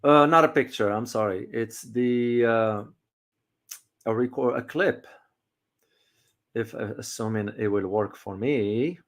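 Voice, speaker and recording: A middle-aged man hosting a casual community livestream, talking in a halting way with many fillers and restarts. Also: mid-range voice. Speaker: host.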